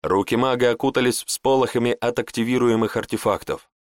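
A man reading a fantasy audiobook in an even, deliberate manner. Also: medium pitch, dry recording, clean studio sound. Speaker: audiobook narrator. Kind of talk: scripted fantasy narration.

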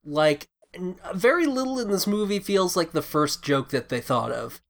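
A man's voice: high voice, lively intonation, moderate pace, vocal fry. A man co-hosting a podcast, chatting casually about a film in a rambling way, with frequent restarts. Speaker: podcast co-host.

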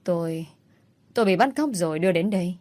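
A woman's voice: fairly low pitch, animated, fairly quick, a little mellow, dry recording. A woman voicing a whiny, crafty young girl.

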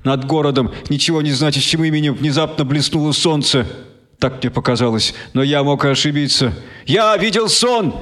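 A man reading a short story aloud as an audiobook narrator, in measured storytelling. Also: medium pitch, steady tone, a bit bright. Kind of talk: scripted narration.

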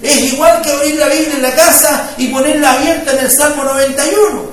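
High-voiced pastor in echoey church. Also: male voice, steady tone, fast. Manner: conversational preaching with rising fervor, frequent "¿me entiende?". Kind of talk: sermon. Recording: echoey room, voice from far off mic.

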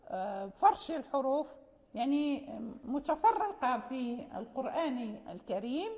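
A woman teaching a class on Quran recitation, explaining patiently and often checking that students follow. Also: high voice. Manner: patient explaining, frequent restarts and checking questions. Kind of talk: classroom lecture. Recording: echoey hall, dull lo-fi sound.

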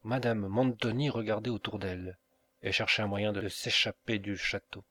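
A man narrating a novel as an audiobook reader, measured and unhurried with pauses. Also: on the low side, little pitch movement, fairly bright tone.

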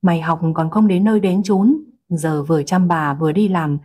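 Brief: woman doing frank loyal girlfriend, low, husky, no-nonsense. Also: steady tone, normal speed, warm tone, natural voice. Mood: blunt. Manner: blunt, frank. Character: blunt, loyal young woman best friend.

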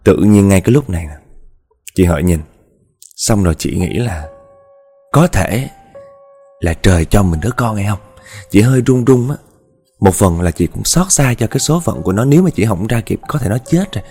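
A man with a Southern Vietnamese accent narrates a horror tale in a low, husky voice. His delivery is lively and chatty, swinging up and down as he talks straight to his listeners. Faint music sits underneath. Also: normal speed, long pauses. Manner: chatty, addresses listeners directly. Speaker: storyteller.

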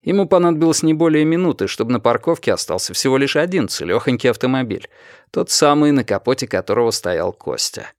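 A man reading an action novel as audiobook narration, in a steady, expressive way. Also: mid-range voice, fast, no echo, studio quality.

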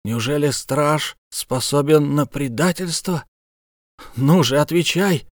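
A man's voice: fairly high pitch, slow, no room sound, clean studio sound. A man voicing a stern, insistent official in an audiobook, pressing with hard questions.

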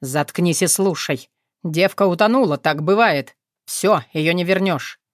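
A woman's voice: lowish voice, measured pace, no room sound, natural voice. Brutal young male thug, growled threats, read by a woman, dry close audiobook sound. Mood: cold.

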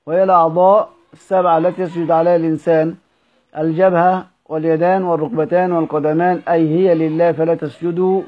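Higher-voiced man reading a classical text over thin audio. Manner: measured reading, stressing each verse heading, with small restarts. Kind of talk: reading a classical text aloud with brief explanatory asides. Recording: narrow phone-like audio.

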